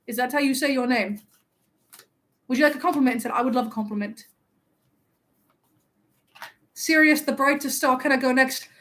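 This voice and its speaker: A woman streamer playing a vain, playful young male wizard, chatting in a teasing, mock-offended way while hosting a live-stream role-play. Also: high-pitched. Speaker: livestream host.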